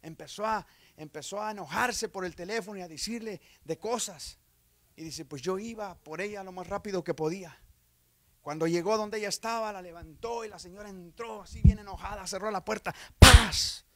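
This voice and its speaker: A man preaching an evangelical sermon, swinging from loud exclamations to hushed storytelling, with repeated phrases and calls of amen. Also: high voice, fairly quick. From Texas, USA. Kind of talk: Spanish-language sermon.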